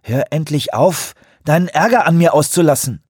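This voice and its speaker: A man's voice: on the high side, moderate pace, warm tone, husky, no echo, studio quality, pitched above the performer's own voice. A man voicing a stubborn, upset young woman who pleads and snaps back, in an audiobook reading. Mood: agitated. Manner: agitated, pleading and defiant.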